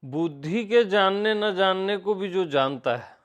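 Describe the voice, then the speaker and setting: In a relaxed, informal satsang, an Indian spiritual teacher talks slowly with a slightly high voice for a man. He repeats words often and asks questions of those in front of him, teaching in a conversational way.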